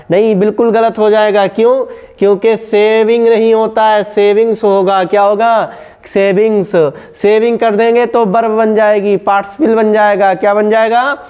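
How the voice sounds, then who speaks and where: A man's voice: high voice, darkish tone, clean tone. A man teaching a grammar lesson, asking a question and then answering it himself, repeating each word. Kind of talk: classroom-style grammar lesson.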